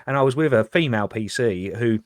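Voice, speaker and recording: A man, a former police officer co-hosting a podcast, telling a lively anecdote in a casual chat. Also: medium pitch, a little fast, no echo, studio quality.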